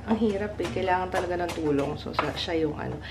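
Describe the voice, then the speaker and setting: A woman's voice: on the low side, quick pace, background noise. A woman in her thirties from the Philippines, chatting casually to the camera in a family home vlog. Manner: chatty, talks to camera and family, mixes Tagalog and English. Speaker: family vlogger. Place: large home kitchen indoors. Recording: clear kitchen sounds behind.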